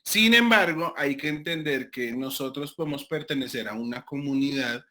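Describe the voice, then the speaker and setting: A man from Colombia with a Colombian accent, giving an online class as a lecturer, talking deliberately with many fillers and restarts. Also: mid-range voice, bright, forceful tone. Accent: Colombian Spanish. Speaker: university lecturer.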